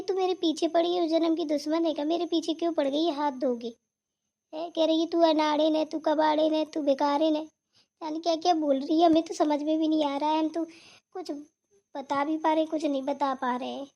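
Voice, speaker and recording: A woman voicing a young daughter-in-law in a cartoon, who complains in a high, hurried voice. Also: steady tone, warm tone. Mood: upset. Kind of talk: cartoon voice acting.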